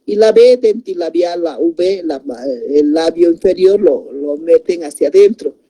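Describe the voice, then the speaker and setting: A woman explains spelling in a slow lesson, repeating words and checking in with tag questions. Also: lowish voice, warm tone. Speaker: teacher.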